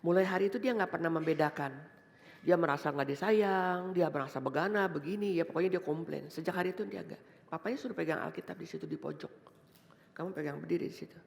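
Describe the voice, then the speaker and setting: A woman's voice: lowish voice, fast talker, vocal fry. A woman vicar preaching a sermon, repeating key phrases for emphasis and talking directly to the congregation in a casual, story-telling way. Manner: addresses the congregation directly and conversationally; tells illustrative stories in a casual tone. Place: church hall. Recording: long church-hall reverb.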